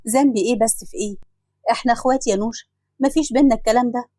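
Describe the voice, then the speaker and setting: A woman's voice: a little high, very fast, mellow, dry recording, lightly acted. A woman with an Egyptian Arabic accent voicing a generous married woman wronged by her siblings, speaking emotionally. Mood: warm. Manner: emotional, pleading, indignant.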